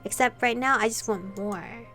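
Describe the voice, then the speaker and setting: A woman's voice: fairly high pitch, normal speed, pushed and bright. A young woman streamer reading a romance game's text aloud, playful and prone to flustered asides. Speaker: game streamer reading a visual novel. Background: faint background music.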